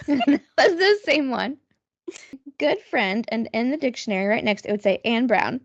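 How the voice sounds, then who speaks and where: A woman's voice: on the high side, expressive, normal speed, no echo, highs cut off. A married woman co-hosting a podcast, chatting casually, laughing often and acting out her own reactions. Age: adult, married. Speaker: podcast co-host. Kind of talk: casual chat.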